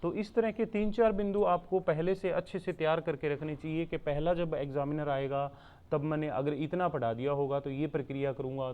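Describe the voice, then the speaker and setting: A man giving a steady explanatory online lecture as a teacher-training instructor, repeating points so students can take notes. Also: a little high, smooth. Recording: tinny phone-like recording.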